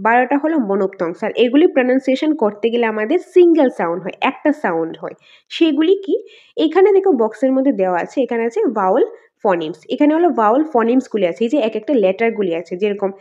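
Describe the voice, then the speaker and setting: A woman with a Bengali accent teaches an exam-prep lesson in a fairly high, mellow voice. She keeps asking questions and answering them herself. The recording sounds dull and lo-fi. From northeast India.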